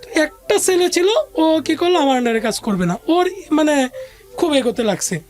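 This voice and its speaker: A woman with a Bangladeshi accent, her voice high, animated and darkish, speaks at normal speed. She's an interview guest telling a personal story in casual colloquial Bengali, slipping in the odd English business word. Music plays beneath her voice.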